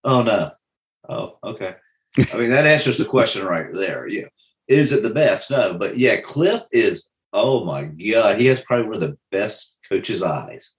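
Very deep-voiced storytelling man in his fifties. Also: unhurried. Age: 50s. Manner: animated storytelling, repeats words as he starts. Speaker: guest, self-defense instructor. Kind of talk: casual conversation.

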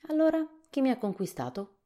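Easygoing straw scarecrow king, voiced by a woman reader; raised, animated storybook voice. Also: high-pitched, brisk, voice pushed up.

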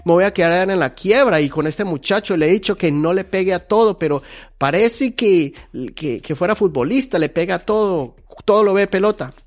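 Guy doing a fed-up mom complaining, kinda high, worn out. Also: moderate pace, close to an everyday voice. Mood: exasperated. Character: weary, exasperated mother at the end of her rope.

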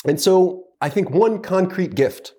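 A man's voice: high voice, lively intonation, unhurried, warm tone, breathy edge. A man co-hosting a podcast, talking through reports in a casual, analytical way, thoughtful and full of hedging fillers. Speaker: podcast co-host.

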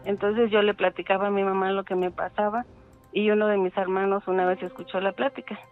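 Casting: middle-aged woman caller, halting and full of fillers, tinny phone line, faint music behind. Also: mid-range voice, flat delivery. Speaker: caller telling a ghost story. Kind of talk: casual phone storytelling.

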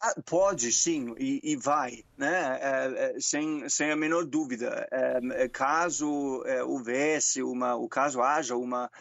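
A man from Germany speaking Portuguese as a second language with a German accent, giving expert interview commentary in halting phrases with repeated words, over an internet call. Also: medium pitch, gravelly, fairly bright tone, no echo, muffled recording. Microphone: Skype call.

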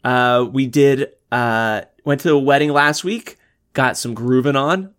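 A man co-hosting a casual podcast chat, rambling and halting with fillers. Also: medium pitch, a bit bright, smooth. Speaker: podcast co-host.

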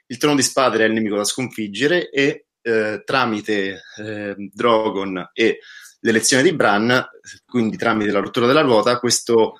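A man's voice: lowish voice, normal speed, a bit bright. A man co-hosting a podcast who explains his view earnestly, with hesitant restarts. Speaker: podcast co-host. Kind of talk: casual discussion.

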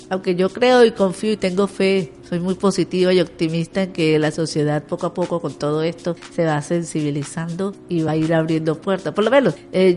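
A woman with a low, dark-toned voice is a guest in a conversational interview, explaining things at length in an earnest, upbeat way.

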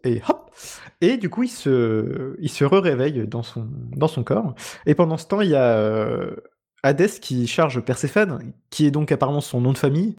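A man's voice: medium pitch, very animated, normal speed, gravelly, darkish tone. A man co-hosting, retelling things in a casual, comic, colloquial way with wry hesitations. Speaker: co-host of a film discussion.

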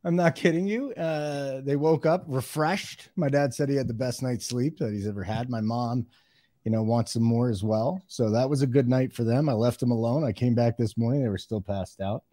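A man's voice: medium pitch, steady tone, normal speed, mellow. A man co-hosting a betting podcast, chatting casually in a dry, teasing way. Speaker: podcast co-host. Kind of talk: casual chat.

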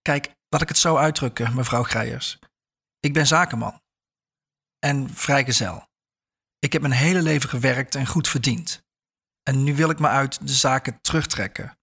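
A man's voice: mid-range voice, moderate pace, vocal fry, fairly bright tone, slightly rough. A man reading a story aloud and voicing a nervous, stout businessman who stammers and hesitates. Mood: hesitant.

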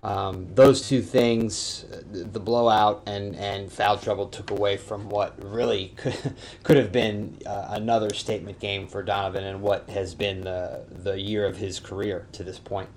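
Low-voiced man in casual sports chat. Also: level tone, measured pace, vocal fry, a little mellow, a little hiss or hum. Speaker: podcast guest, sports writer.

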